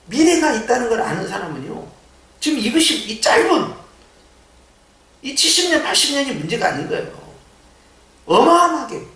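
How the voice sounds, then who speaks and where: A male pastor preaching a sermon in a church, animated and full of rhetorical questions. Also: extremely high pitch. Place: church sanctuary. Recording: echoey church sound from a distance.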